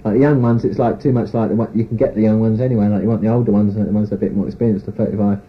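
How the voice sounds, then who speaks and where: His pitch fairly low and his intonation fairly even, a man races through a frank, rambling personal story in an interview, leaning heavily on "you know" and "sort of". The recording is tinny and phone-like, with faint tape hiss.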